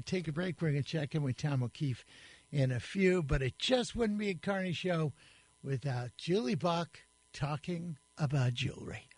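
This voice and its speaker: A man's voice: a little high, dry recording. A man hosting a radio show, joking and teasing the callers. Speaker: radio host. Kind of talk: casual radio banter.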